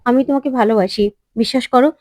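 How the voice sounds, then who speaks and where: A woman's voice: fairly high pitch, racing, a little mellow, no room sound, studio quality, close to an everyday voice. A woman voicing a scheming young woman who insistently pleads for a man's love in a retold drama story. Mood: pleading.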